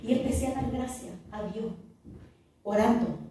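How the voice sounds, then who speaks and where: A woman's voice: a little high, moderate pace, dark tone, slight background noise. A middle-aged woman pastor telling an earnest, vivid testimony in a podcast interview, recorded with the mic far off in an echoey room. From Chile.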